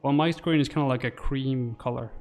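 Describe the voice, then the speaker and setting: Speaking close into a desk mic in a small room, this twenty-something livestream host mutters thoughts aloud as he works. His mid-range voice holds a steady tone, a little mellow, and he talks fairly quickly.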